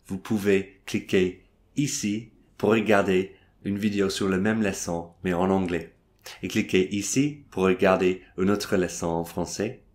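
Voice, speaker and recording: An Englishman with a low, somewhat dark voice speaks French as his second language in a video lesson teaching English phrases. He sounds hesitant, with lots of fillers and restarts.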